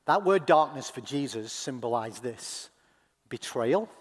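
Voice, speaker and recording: A male pastor giving a sermon. He speaks slowly and deliberately, dropping to a hush and then rising to loud, impassioned cries. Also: medium pitch, lively intonation. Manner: dramatic swings from hushed to loud crying out; slow, deliberate delivery with long pauses. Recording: long hall reverb.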